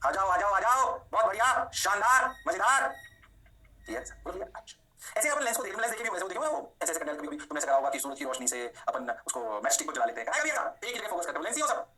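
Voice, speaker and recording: A middle-aged man teaching physics in an animated lecture, answering himself in his students' voice and dropping into sudden whispers. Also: on the high side, rapid-fire. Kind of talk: lively classroom lecture.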